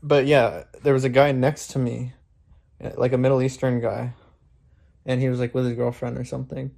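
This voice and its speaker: A man's voice: medium pitch, little pitch movement, normal speed, gravelly, darkish tone. Young adult male vlogger, phone mic, loose rambling delivery with frequent laughs. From Florida, US. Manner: rambling, filler-heavy, laughs often. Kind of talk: casual vlog talk. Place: outdoors at a street protest, later his room.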